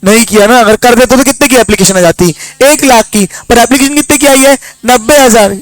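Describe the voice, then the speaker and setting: A woman's voice: on the high side, fairly quick, no echo, rough recording. A woman teaching with a Hindi accent, turning the lesson into a little story and asking students one question after another. She talks in a dry, close setting with no room sound. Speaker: commerce teacher. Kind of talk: lively classroom lesson.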